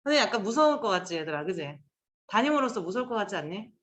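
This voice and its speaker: A woman's voice: mid-range voice, sing-song, very fast, a bit bright, reverberant, slight background noise. A woman teacher giving a casual Chinese pronunciation lesson, chatty and coaxing, drilling sounds aloud with her students.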